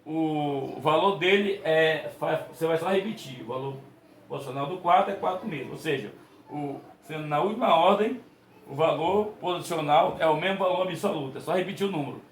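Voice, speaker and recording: A man's voice: fairly high pitch, normal speed, a little hiss or hum. A man teaching a math lesson, patiently repeating points, asking rhetorical questions and correcting himself mid-sentence. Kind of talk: explaining a lesson to students. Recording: echoey room.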